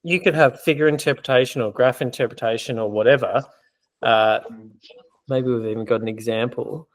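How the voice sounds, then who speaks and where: A man's voice: mid-range voice, moderate pace. A man working as an exam prep tutor, explaining in a conversational way with many fillers during a casual teaching Q&A.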